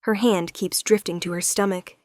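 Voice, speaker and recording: A woman's voice: medium pitch, steady tone, moderate pace, no room sound, studio quality. Woman narrating a romance story evenly.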